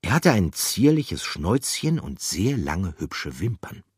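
A man narrating a children's storybook aloud with a lively, expressive delivery. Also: low voice, unhurried, breathy edge, no room sound, clean studio sound.

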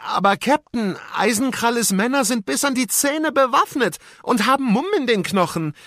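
A man voicing a doubtful bearded pirate sailor in a high, worried voice. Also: lively intonation, normal speed, a bit bright, no room sound, clean studio sound, heavily acted.

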